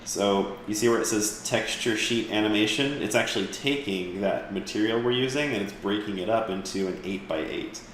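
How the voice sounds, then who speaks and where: Male instructor, rambling casual delivery, low-ish voice, heavy room echo. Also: normal speed, few pauses, slight background noise. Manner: relaxed, rambling, with fillers and restarts. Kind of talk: live class software tutorial.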